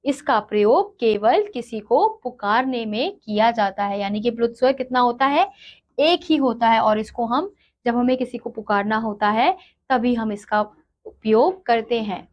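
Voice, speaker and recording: In a grammar lesson, a woman speaks slowly, posing questions and answering them herself. Her voice is a little high, and the recording has its highs cut off.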